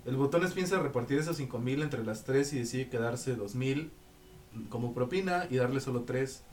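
A man's voice: medium pitch, moderate pace, a little hiss or hum. A young man with a Mexican Spanish accent co-hosting a podcast in casual chat, slangy and laughing often, often trailing off mid-sentence. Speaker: podcast co-host.

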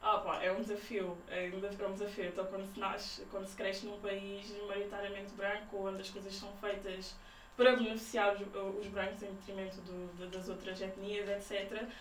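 Speaking a little fast in a medium-pitched, flat voice, a young woman from the Sintra area of Portugal talks casually as a podcast guest with a Lisbon-area accent. She thinks out loud in broken phrases during the conversational interview, recorded on a distant mic with roomy sound and faint noise.

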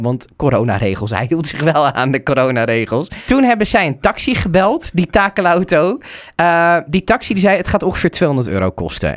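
Lively young Dutchman telling a story. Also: mid-range voice. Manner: animated, swings into loud mock shouting. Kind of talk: casual storytelling.

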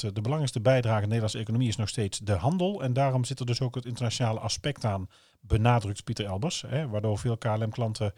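A man's voice: mid-range voice, darkish tone, dry recording, studio quality. A man from the southern Netherlands with a Brabant Dutch accent, chatting casually as a podcast co-host.

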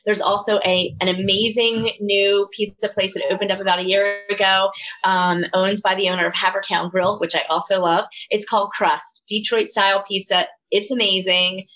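Middle aged lady w a delco philly accent, enthusiastic n earnest, just chatting in an interview, normal pitch. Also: level tone, normal speed, a bit bright, poor audio. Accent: Delco (Philadelphia area). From Delaware County, Pennsylvania, US. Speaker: yoga studio owner, interview guest. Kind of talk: casual interview chat.

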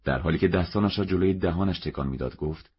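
A man reading a novel aloud as narrator, in a steady, measured way. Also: low-pitched, breathy edge. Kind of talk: audiobook narration. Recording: dull lo-fi recording.

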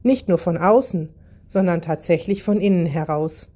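A woman narrating a children's Christmas story in a calm, even reading style. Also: on the low side, normal speed.

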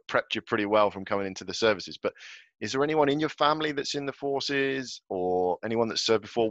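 Podcast host: man, lowish voice, informal interviewer, dry slightly muffled sound. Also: fairly bright tone, no echo. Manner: informal, conversational. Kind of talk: casual interview.

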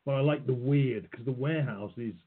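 A man hosting an interview, asking questions in a halting, hesitant way, heard over a phone-like call line. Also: mid-range voice. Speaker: podcast host. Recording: husky voice on tinny phone-like call.

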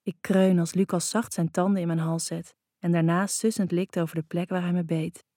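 A woman narrating a first-person romance audiobook in an intimate, even storytelling manner. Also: on the low side, moderate pace, no echo, clean studio sound.

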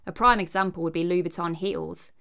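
Woman narrator, low pitch, vocal fry, wry, cheeky, conversational scripted delivery. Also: brisk, fairly bright tone. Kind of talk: scripted narration with chatty asides.

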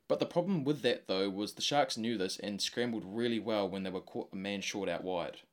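A man's voice: fairly low pitch, normal speed. A man hosting a solo sports podcast, giving a semi-scripted recap in informal, slangy language.

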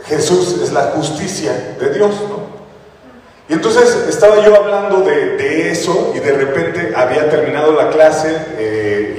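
A man's voice: a little high, a little mellow. A man preaching a sermon, telling stories in a casual, conversational way with frequent rhetorical tag questions. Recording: echoey hall from far off.

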